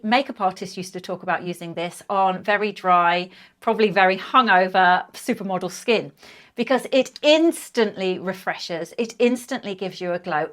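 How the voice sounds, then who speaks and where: A woman's voice: medium pitch, fairly bright tone. A woman over fifty chatting casually to camera as a beauty vlogger, gushing and enthusiastic about each product.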